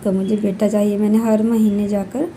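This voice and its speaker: A young woman vlogging at home, talking quietly so her sleeping children stay asleep, scolding and repeating herself. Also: medium pitch, flat delivery, moderate pace, slight background noise, low-quality recording. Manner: speaks softly while children sleep. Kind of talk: casual vlog talk to camera.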